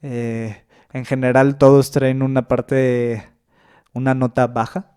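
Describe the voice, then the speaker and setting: Un hombre con acento mexicano, invitado y autor de cuentos, que habla con titubeos y muletillas en una charla casual. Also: male voice, medium pitch, little pitch movement, slow, darkish tone, clear, resonant tone. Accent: Mexican Spanish. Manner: hesitant, thinks aloud with fillers like este and o sea. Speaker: guest, short-story writer. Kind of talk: casual podcast conversation.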